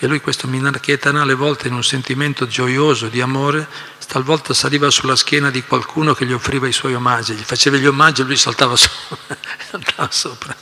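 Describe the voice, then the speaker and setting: Sharp-voiced man, gravelly, hall reverb. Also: mid-range voice. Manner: animated storytelling with frequent asides and repetitions. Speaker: speaker at a devotional class. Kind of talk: reading and explaining scripture.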